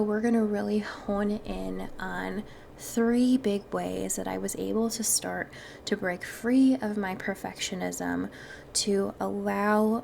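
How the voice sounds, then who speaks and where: A woman's voice: mid-range voice, creaky, darkish tone, a little hiss or hum. A woman with a Wisconsin accent hosting a self-help podcast, talking in a chatty, earnest and playful way straight to her audience. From Wisconsin, United States. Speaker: podcast host.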